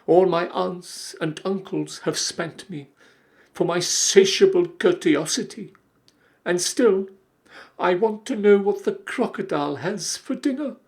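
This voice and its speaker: A man's voice: high-pitched, measured pace, vocal fry, voice pushed up. A man voicing a curious, very polite young elephant child in a storybook reading. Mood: earnest, plaintive. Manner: very polite, earnest. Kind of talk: storybook character voice.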